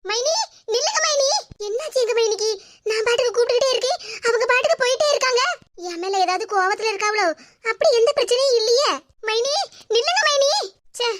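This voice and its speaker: A woman's voice: very high voice, fairly bright tone, no echo, studio quality. A woman voicing a young village woman in a cartoon, an anxious, pleading sister speaking with a Tirunelveli Tamil accent. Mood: fretful. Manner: pleading, repeatedly calling out.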